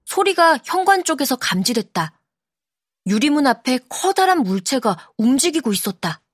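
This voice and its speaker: A woman narrating an audiobook in a calm, measured storytelling manner, close to the mic. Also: high-pitched. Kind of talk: scripted narration.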